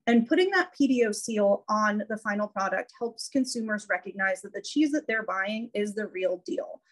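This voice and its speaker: A woman's voice: mid-range voice, expressive, normal speed, poor audio. A woman giving an informal, educational slide presentation over a video call. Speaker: cheese educator presenting a webinar. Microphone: video call microphone.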